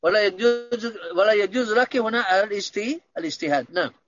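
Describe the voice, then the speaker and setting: A man's voice: sits high, fairly quick, a bit bright, lo-fi sound. A man teaching Arabic grammar in an online lesson, patiently explaining and checking that students understand.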